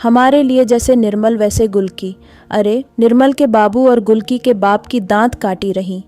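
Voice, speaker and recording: A woman's voice: a little high, moderate pace, warm tone, faint music behind, lightly acted. A woman voicing a scheming middle-aged village mother who coaxes in rustic dialect. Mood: coaxing.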